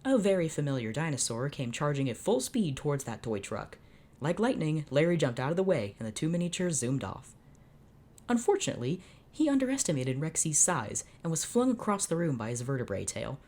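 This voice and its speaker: A young woman reads fanfiction aloud in a low, sing-song, brisk voice with a darkish tone. She performs the characters' voices and keeps breaking off for exasperated asides, turning the reading into a dramatic show of reactions.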